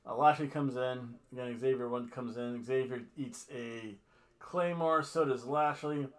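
A middle-aged review host talks unhurriedly in a steady, mid-range voice, recorded at a webcam in a small room at home. His commentary is casual and rambling, full of jokes and the occasional mock accent.

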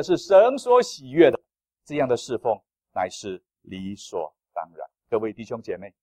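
A male pastor preaching a sermon in an animated, playful way, with self-deprecating humor. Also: mid-range voice, dry recording.

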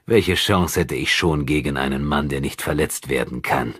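A man doing a slow, sneering cruel knight. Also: extremely low pitch, fairly bright tone, breathy edge, dry recording, studio quality, full character voice. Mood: mocking. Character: cruel armored male knight, mocking and calm. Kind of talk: audiobook character reading.

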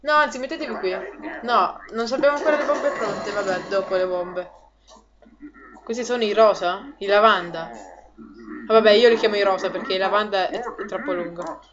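A woman hosting a let's play, chatty and excitable, laughing often and talking to her viewers. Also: medium pitch, normal speed. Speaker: gaming video host. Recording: lo-fi audio with game music behind. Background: game music.

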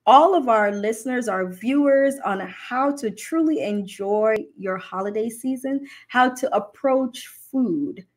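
A woman's voice: fairly high pitch, a little slow, hardly any pauses. A woman hosting a livestream conversation, upbeat and affirming, with frequent tag questions. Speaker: host.

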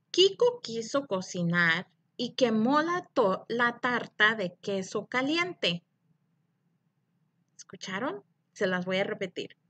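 A middle-aged woman teaches young children to hear syllables, speaking very slowly and deliberately. Her voice is bright and a little on the high side, with a slight husky edge. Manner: slow and deliberate, clapping out syllables. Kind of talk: slow phonics lesson for young children.

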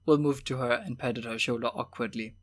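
A man's voice: mid-range voice, fairly even intonation, normal speed. Man reading an audiobook steadily. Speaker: audiobook reader. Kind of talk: audiobook narration.

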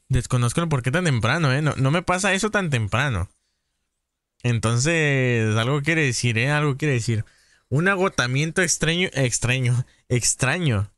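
A man's voice: mid-range voice, expressive, a bit bright, no room sound, clean studio sound. A man with a Mexican accent hosting a live gaming stream, greeting viewers in a chummy, casual way. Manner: chummy, calls viewers "padrino", rapid greetings. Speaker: gaming livestream host.

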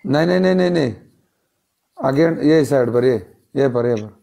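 Male vlogger, gravelly and dark, bossy, keeps repeating directions. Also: mid-range voice, lively intonation, moderate pace. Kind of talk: casual chat, directing a photo shoot.

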